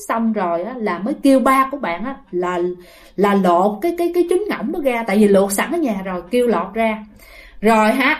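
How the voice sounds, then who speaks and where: A woman with a Southern Vietnamese accent casually telling a ghost story, chatty and talking straight to her listeners. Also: on the high side. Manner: chatty, addresses listeners directly, many fillers.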